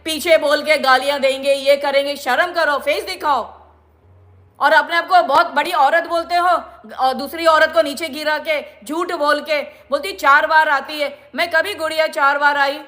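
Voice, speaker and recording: High-voiced indignant woman lecturing. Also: steady tone, moderate pace, fairly bright tone. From India. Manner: indignant, lecturing, repeats herself. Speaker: vlogger. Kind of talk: scolding monologue to viewers.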